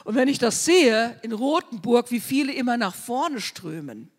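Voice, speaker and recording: A woman preaching a fervent sermon, swinging between loud declarations and hushed asides. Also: on the high side, sing-song, moderate pace. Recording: long hall reverb.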